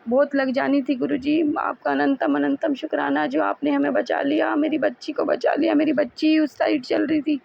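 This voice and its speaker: A woman with a heavily creaky, gravelly voice shares a devotional testimony from her home, seated before a guru's picture. She speaks in a fairly flat tone, repeating words of thanks fervently and stumbling into restarts. The audio is a dull, lo-fi phone recording. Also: high voice, normal speed, hardly any pauses.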